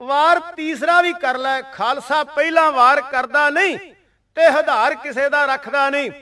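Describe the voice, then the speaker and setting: A man voicing a defiant Sikh warrior who taunts his foe loudly. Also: extremely high pitch, unhurried, recorded from a distance, full character voice. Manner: taunting, loud challenges.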